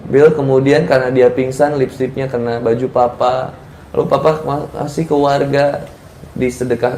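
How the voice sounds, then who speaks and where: A man's voice: medium pitch, mellow, a little hiss or hum. A man preaching casually to a cafe audience, telling stories in a playful way and acting out the people in them. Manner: storytelling, playful, acts out the people in his stories. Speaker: Islamic preacher. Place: cafe study session room. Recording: echoey room, faint ambience.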